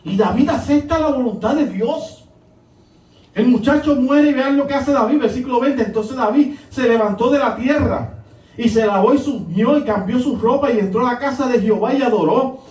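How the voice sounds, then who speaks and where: A man preaching a sermon, with emphatic rises and hushed drops. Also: very high-pitched, moderate pace. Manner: emphatic preaching, rising and dropping. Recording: echoey room, voice from a distance.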